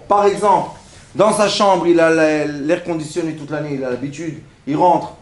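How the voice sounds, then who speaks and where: Male preacher, high lively voice, playful storytelling, echoey hall sound. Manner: animated, acts out everyday scenes with questions to the audience. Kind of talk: sermon. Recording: echoey room.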